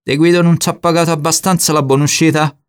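A coarse bandit boss growls in a thick southern Italian dialect, louder and higher than the reader's own low voice, as a man puts him on for an audiobook. He is blunt and vengeful, and he spits his words out without any polish. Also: flat delivery, fast talker, clear, resonant tone, close to an everyday voice. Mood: menacing. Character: rough male bandit chief, coarse and vengeful.

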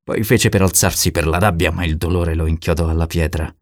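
Deep-voiced man reading an audiobook. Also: dry recording, clean studio sound. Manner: steady, measured reading. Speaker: audiobook narrator. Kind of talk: scripted narration.

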